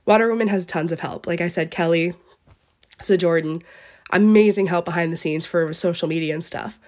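A woman's voice: on the low side, a little mellow. Sick-voiced young woman podcast host. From eastern Canada. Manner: earnest, gushing, rambling. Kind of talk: heartfelt solo podcast farewell.

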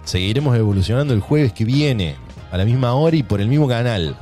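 A man's voice: mid-range voice, expressive, brisk, warm tone, soft background music. A man with a Rioplatense Spanish accent hosting a solo podcast, musing aloud in a provocative, rambling way. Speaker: podcast host. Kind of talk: casual solo podcast monologue.

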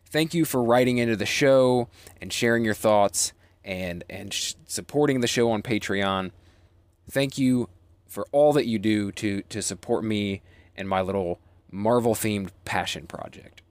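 A man's voice: on the low side, unhurried, clean tone, dry recording. A man hosting a podcast in casual chat, rambling and joking at his own expense. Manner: rambling, joking, self-deprecating. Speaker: podcast host.

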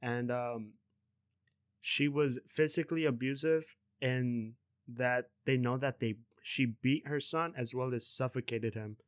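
A man's voice: medium pitch, unhurried, no echo, studio quality. Rambling young man hosting a podcast. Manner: rambling, loose, swears casually. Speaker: podcast host. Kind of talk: casual podcast chat.

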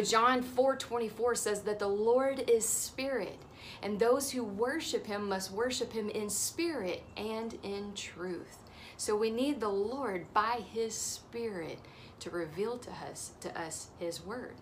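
A woman's voice: medium pitch, a bit bright, slight background noise. A woman in her thirties giving an earnest, encouraging devotional teaching as host of her ministry show.

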